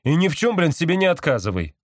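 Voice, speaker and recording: A man's voice: a little high, sing-song, quick pace, breathy edge, dry recording, clean studio sound, voice pushed up. A man voicing a grumpy, irritable masked activist in an audiobook. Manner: grumbling, irritable.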